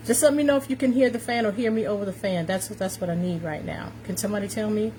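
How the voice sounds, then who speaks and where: A woman's voice: mid-range voice, quick pace, rough recording. American lady in her 50s chatting live to viewers, upbeat n emphatic, bit of fan noise in the background. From New York City, United States. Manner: upbeat, emphatic, repeats phrases. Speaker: live stream host, confidence coach. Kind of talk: casual livestream chat to viewers. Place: warm room indoors. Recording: steady fan noise behind voice.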